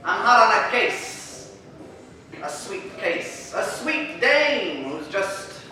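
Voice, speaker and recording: A man playing a world-weary private detective in an amateur noir radio play, speaking in a slow, wry manner. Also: sits high, very animated, sharp tone, slight background noise, full character voice. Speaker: narrator and detective. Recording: echoey room from a distant mic with music. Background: music.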